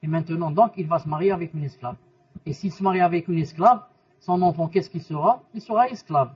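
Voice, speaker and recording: A man's voice: a little high, fairly quick, darkish tone, slightly rough. A man teaching a religious lesson, explaining by asking questions and repeating the answers, and mixing in Arabic terms and quotations. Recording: muffled voice from a distance.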